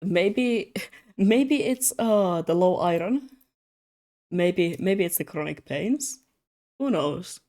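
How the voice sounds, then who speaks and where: A tired young adult with Russian as a first language chats slowly on a streaming mic while drawing commissions, leaving long pauses. Their mid-range voice is darkish yet expressive, slurring a little. The conversation wanders and turns self-mocking, punctuated by frequent laughter.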